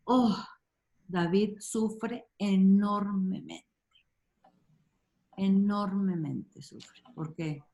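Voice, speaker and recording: A woman leading a casual group Bible study over a video call, speaking slowly and warmly with frequent fillers. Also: fairly low pitch. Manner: warm, unhurried, many fillers like "este" and "ujú".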